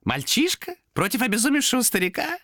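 A man voicing a cruel male demon trapped in a carved figurine, hoarse and mocking, in an audiobook horror tale. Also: very high voice, huge pitch swings, brisk, pushed and bright, dry recording, clean studio sound, voice pushed up, heavily acted. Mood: urgent, eager. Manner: taunting, cackling, wheedling.

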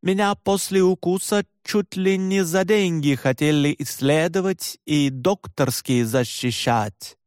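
A stubborn young Finn who speaks slowly and deliberately, working hard at each sound, as a man voices him in an audiobook. He pitches slightly higher than the narration. The voice is dry and close to the mic. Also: darkish tone, smooth, no echo, lightly acted. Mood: insistent. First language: Finnish. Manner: slow, carefully articulated, stubborn. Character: stubborn young Finnish man, careful Russian.

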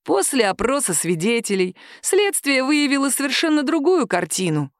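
A woman voicing a calm, caustic male police captain who questions a suspect slowly in an audiobook. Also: fairly high pitch, no echo. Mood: dry. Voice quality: nagging, dry. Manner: slow, calm, measured interrogation.

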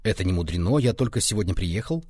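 A man's voice: low-pitched, animated, fast, darkish tone, no echo. A man reading aloud plays an alarmed young nobleman who asks questions urgently and exclaims.

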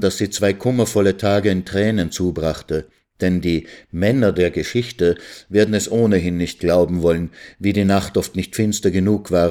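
Male radio reader, measured story narration, lowish voice. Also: warm tone. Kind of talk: reading literary fiction aloud.

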